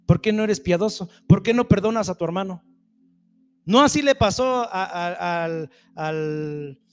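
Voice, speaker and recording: A man preaching a sermon, asking rhetorical questions and having the congregation repeat after him. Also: high voice. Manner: emphatic, rhetorical questions, call-and-response.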